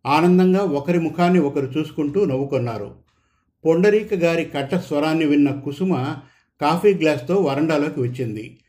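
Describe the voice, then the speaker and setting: Guy reading a story out, steady and measured, somewhat high pitched. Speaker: narrator. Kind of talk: scripted story narration.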